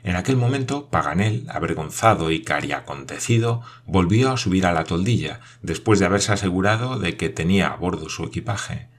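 A man with a deep, low voice reads a classic adventure novel aloud. His narration is steady and expressive. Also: brisk, hardly any pauses. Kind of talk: audiobook reading of a classic novel.

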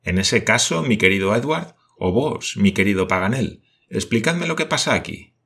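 A composed gentleman leader reasons in measured, courteous phrases, as a man reads him. The voice is low with a husky edge. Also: very animated, full character voice. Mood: reasoning. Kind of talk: audiobook character voice.

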